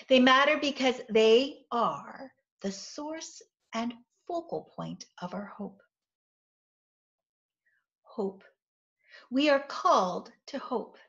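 A middle-aged woman pastor giving a measured, earnest sermon from a small office, recorded on a webcam. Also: fairly high pitch, expressive, fairly bright tone. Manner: measured, earnest reflective preaching. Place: small indoor office with bookshelves. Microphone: webcam, seated facing camera. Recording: dull lo-fi webcam audio.

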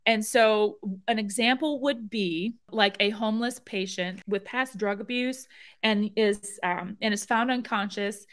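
A woman's voice: mid-range voice, a little slow, a bit bright. A woman hosting a vlog, commenting on video clips in an emphatic, indignant way. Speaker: vlog host.

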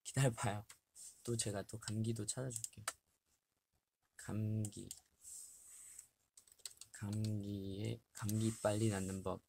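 This livestream host in his twenties speaks slowly with a lowish, creaky voice, little pitch movement and long pauses, against a noisy background. Sitting in a small bare room, he chats casually with fans, reads health tips aloud and laughs often, recorded by a webcam at desk distance.

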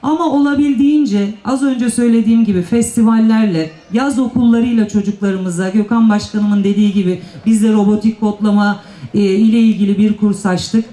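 A woman mayor delivers a formal, emphatic panel speech into a podium microphone, her mellow mid-range voice holding a fairly even intonation. She speaks earnestly, drawing out her stresses, and the public address sound is echoey.

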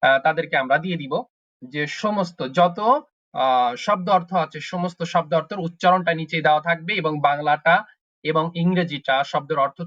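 A man leads an online German lesson, saying each word over and over at a slow, patient pace. His voice comes through a computer mic on a call, so the sound is dull and lo-fi. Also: fairly high pitch, a bit bright. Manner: slow, repetitive drilling of words. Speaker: German language teacher.

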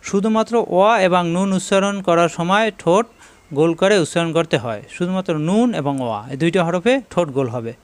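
A man teaching Quran letter pronunciation, repeating each sound slowly and checking that viewers follow. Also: sits high. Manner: slow, repetitive drilling of letter sounds; asks if it is clear, addresses viewers directly. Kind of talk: step-by-step pronunciation lesson.

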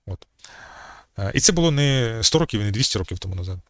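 Guy with a lowish voice lecturing, lots of ums and restarts, dry close sound. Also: expressive, fast, dry recording. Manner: hesitant, many fillers and restarts. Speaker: channel host. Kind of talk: unscripted history lecture.

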